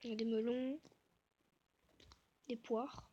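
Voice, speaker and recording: A woman narrates her gameplay in a soft, hushed way, tossing out self-mocking asides as she goes. Her voice sits high and has a slightly husky, breathy edge. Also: flat delivery, drawn-out words, muffled recording. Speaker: gaming video creator. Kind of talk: casual gameplay commentary.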